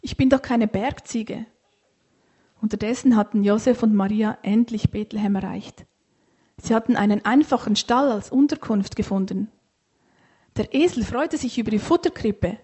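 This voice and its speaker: A woman reading a children's story aloud in a gentle, unhurried way. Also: medium pitch, breathy edge.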